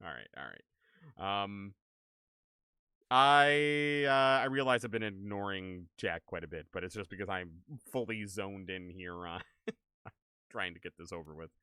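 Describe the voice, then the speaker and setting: A man livestreaming a video game, chatting casually and excitably with viewers in an animated, exclaiming way. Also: low voice, unhurried, clean tone, no room sound. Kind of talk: casual livestream gaming chat and commentary.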